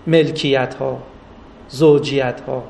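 A man's voice: mid-range voice, creaky. A man giving a religious lecture with stories, rising for emphasis and drawing out recited Arabic phrases. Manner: animated, rises for emphasis, drawn-out Arabic recitation. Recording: distant mic with faint noise.

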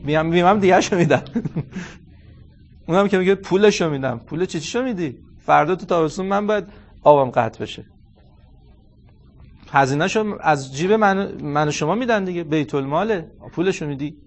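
A man in his forties delivers a religious lecture in a fairly high voice. He is animated, tells stories, and acts out bits of dialogue. He recites quotations in Arabic. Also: pauses often. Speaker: cleric lecturer.

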